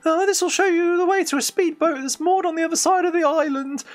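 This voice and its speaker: Whiffy, a squeaky friendly skunk, as a man puts him on. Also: fast, soft background music. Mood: eager. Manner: high, bright and excited with breathy laughs. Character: friendly furry male skunk hermit, chatty and eager.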